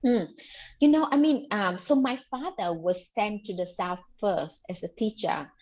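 A woman's voice: mid-range voice, unhurried, a little mellow. A woman from Vietnam, telling her story as an author guest in an earnest interview, leaning often on "you know". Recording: dull lo-fi audio.

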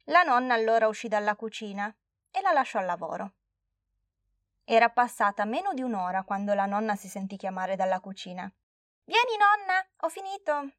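A woman reading a children's story aloud, clear and steady, in a mid-range voice. The recording is close and dry, with no room sound. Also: medium pitch, a little fast, no room sound. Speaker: narrator.

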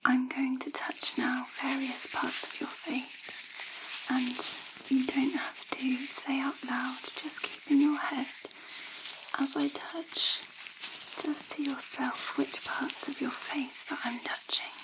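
A woman's voice: high voice, flat delivery, low-quality recording. Woman's whispered role-play, right in your ear. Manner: gentle, slow and soothing, giving step-by-step instructions. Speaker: examiner giving a gentle sensory test.

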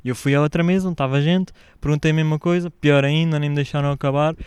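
Um homem jovem com sotaque português europeu, a contar uma história numa conversa descontraída de podcast, imitando as falas dos outros com animação. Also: male voice, fairly high pitch, fast talker, clean tone, no echo. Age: young adult. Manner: animated storytelling, acts out shouted quotes. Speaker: podcast guest telling a story. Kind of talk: casual podcast chat.

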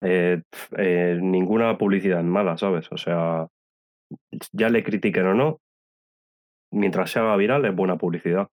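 A young man co-hosting a podcast, chatting casually with short, relaxed remarks. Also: sits low, normal speed. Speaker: podcast co-host. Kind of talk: casual chat.

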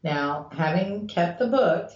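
Female paranormal radio host, lowish voice, very slow and deliberate storytelling, echoey room sound. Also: animated, darkish tone. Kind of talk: late-evening paranormal talk radio hosting and storytelling. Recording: dull lo-fi, roomy echo.

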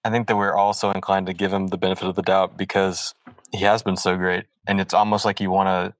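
Male co-host, very deep voice, dry sound, measured and reflective delivery. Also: flat delivery, dry recording, rough recording. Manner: thoughtful and measured, with many ums. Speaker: podcast co-host. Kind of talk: casual sports chat.

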